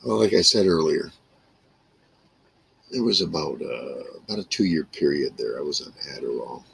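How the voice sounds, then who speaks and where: In a small wood-paneled room, a vlogger in his sixties reminisces casually to camera in a very low, heavily gravelly voice with a husky edge. He rambles from thought to thought in salty, plainspoken language, sounding animated and fairly bright at a normal pace.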